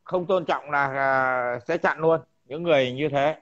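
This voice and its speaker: A man's voice: mid-range voice, measured pace, fairly bright tone. Earnest man. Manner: agreeing, short assents, earnest. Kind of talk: casual chat. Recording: dull lo-fi sound.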